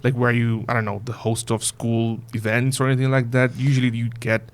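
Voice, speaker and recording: A man's voice: medium pitch, flat delivery, fairly quick, a little hiss or hum. A man hosting a podcast, asking long, casual questions padded with "you know" and "like". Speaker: podcast host. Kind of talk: podcast interview.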